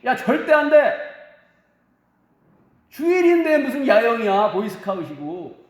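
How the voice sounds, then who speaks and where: A strict, devout parent scolds and flatly refuses, as a preaching man puts on the voice. The tone sits high for a man, and it echoes around a roomy hall. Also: brisk. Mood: stern. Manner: stern and scolding.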